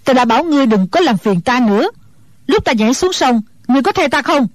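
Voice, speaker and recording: A woman's voice: on the high side, lively intonation, moderate pace, a little mellow, no echo, lightly acted. A woman voicing a stern, impatient old woman in an audiobook. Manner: curt, impatient. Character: stern, irritable old woman, injured fighter.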